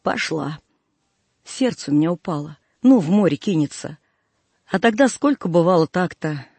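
A man reads a first-person folk tale in a folksy, plaintive way. His voice is high for a man and husky, with some breath in it. The recording is close and dry. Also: lively intonation, moderate pace, a little mellow, dry recording. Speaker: audiobook reader.

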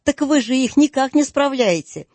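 A man's voice: high-pitched, animated, normal speed, warm tone, husky, dry recording. A man voicing a cheerful young nephew. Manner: cheerful, pleading, earnest. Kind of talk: audiobook reading.

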